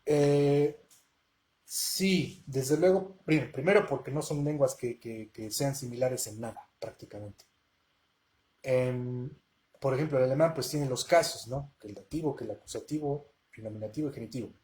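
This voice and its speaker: A man's voice: mid-range voice, moderate pace, a little mellow. A man hosting a live question-and-answer language lesson, talking casually and often checking in with his listeners. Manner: conversational, checks in with rhetorical questions.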